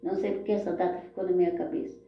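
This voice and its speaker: A woman's voice: lowish voice, level tone, very fast, soft background music. A Brazilian woman shares her personal story in a heartfelt, rambling way, often turning to her listeners. The sound is dull and lo-fi, with strong echo around her voice. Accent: Brazilian Portuguese. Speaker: storyteller sharing her life.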